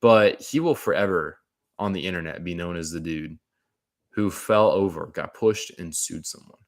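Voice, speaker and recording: A man with a very deep voice talks football in a loose, rambling way. He piles on slang like "man", "dude" and "bro" and often restarts his sentences. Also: normal speed. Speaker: sports commentator. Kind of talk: casual sports talk.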